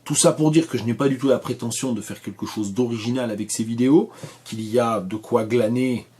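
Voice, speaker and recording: Man, husky voice, pronunciation lesson, slow deliberate stress on words. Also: medium pitch, a little mellow. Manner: careful, stresses example words. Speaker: English teacher.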